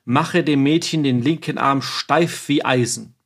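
A man's voice: medium pitch, measured pace, fairly bright tone. A man voicing a stern priest exorcist who commands and scolds a demon in a preaching tone. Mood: commanding.

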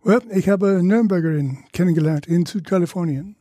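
An older man from Louisiana with an American accent, a native English speaker, chatting as a podcast guest in halting German and searching for his words. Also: sits high, mellow, no echo, clean studio sound. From Louisiana, USA. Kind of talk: casual interview chat.

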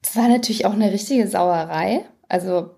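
A woman's voice: mid-range voice, moderate pace, vocal fry, dark tone. A woman in her late thirties co-hosting a podcast, talking frankly and with self-deprecating humor. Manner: candid, self-deprecating, laughs often. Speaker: podcast co-host. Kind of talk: frank casual conversation.

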